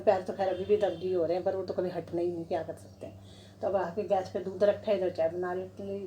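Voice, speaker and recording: A woman's voice: on the low side, dark tone, slight background noise, poor audio. A middle-aged woman with a Delhi Hindi accent, chatting casually through her chores at home for her vlog, recorded on a phone in her kitchen and balcony. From India. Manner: chatty, describes chores step by step. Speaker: vlogger.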